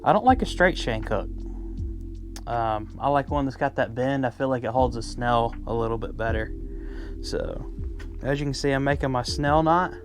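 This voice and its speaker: With music playing over him, a man speaks at a normal pace in a medium-pitched voice from his boat on a river. Recording on a first-person camera, the fishing vlogger chats to the "guys" watching, walking through his rig-tying step by step with lots of ums and restarts.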